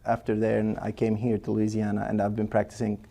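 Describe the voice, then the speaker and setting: A man's voice: lowish voice, monotone, fairly quick, vocal fry, dark tone. A man, a cardiologist patiently explaining in an interview, with frequent fillers and restarts. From Lebanon. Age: 40s. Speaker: cardiologist guest.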